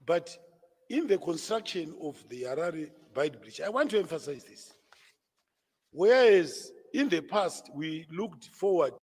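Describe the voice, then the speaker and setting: A man, a party spokesman, answering reporters at a press conference in a deliberate, lecturing way with stammered restarts. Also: fairly high pitch, lively intonation, darkish tone, husky, long reverb tail. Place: conference room.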